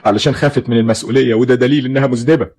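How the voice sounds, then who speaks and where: A man's voice: mid-range voice, fairly even intonation, racing, darkish tone, lightly acted. An actor playing a bitter, fearful father who accuses his wife, with an Egyptian Arabic accent, in an old film drama.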